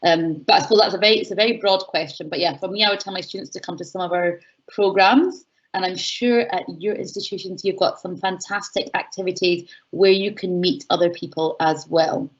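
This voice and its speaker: Scottish woman, quick and excitable, online webinar talk, slightly dull call audio. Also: fairly low pitch. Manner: fast, excitable, with fillers. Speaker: guest speaker.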